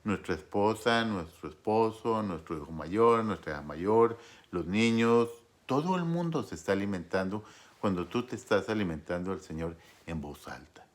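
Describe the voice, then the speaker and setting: A man preaching a sermon in an earnest, exhorting way, with frequent pauses. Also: lowish voice, expressive. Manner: earnest, exhorting, pausing often.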